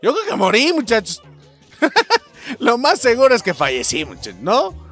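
A young Mexican man giving excited, swearing gameplay commentary and talking straight to his viewers. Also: very high voice, measured pace, soft background music. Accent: Mexican Spanish. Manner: animated, swears often, keeps addressing viewers as "muchachos". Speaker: gameplay streamer.

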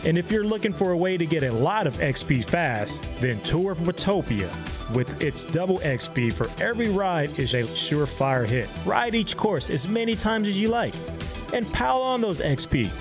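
An enthusiastic man narrates an upbeat explainer, his pitch leaping around in a lively, animated way. His voice sits slightly above the usual male range. Clear background music plays throughout. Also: normal speed. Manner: bouncy, enthusiastic. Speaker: segment narrator.

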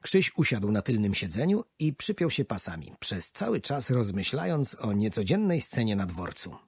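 Husky man narrating a children's story. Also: fairly low pitch, normal speed, no echo. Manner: expressive storytelling. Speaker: audiobook narrator. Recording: dry studio audiobook.

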